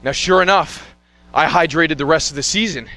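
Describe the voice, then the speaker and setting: A young man performing a one-man show, telling a story in an animated way and acting out scenes and voices. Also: normal speed, no room sound. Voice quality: bright, high-pitched voice. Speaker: solo stage performer.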